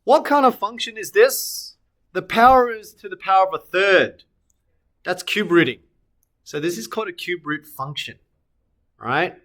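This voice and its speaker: This maths teacher speaks in a slightly high voice, animated yet unhurried, with long pauses as he explains a recorded lesson step by step. He asks students questions and answers them himself, fixing his sketches aloud while drawing, with soft clicks behind him.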